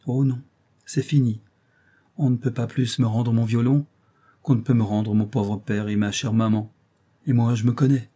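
Un homme lisant un petit garçon orphelin qui se lamente. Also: male voice, medium pitch, steady tone, moderate pace, warm tone, slightly rough, lightly acted. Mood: lamenting. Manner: lamenting, emphatic monologue. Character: poor orphan boy violinist, grieving and timid.

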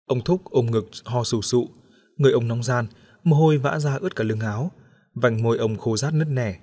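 A male voice reads a story aloud for an audiobook, his delivery steady and even. His pitch sits right in the middle of a typical man's range. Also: normal speed. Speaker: audiobook narrator. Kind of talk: scripted story narration.

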